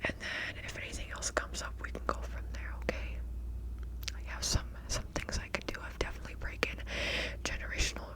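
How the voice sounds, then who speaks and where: In a roughly recorded ASMR roleplay, a woman whispers as a kindly witch reading tarot. She speaks softly and unhurriedly, repeating words and calling the listener by terms of endearment.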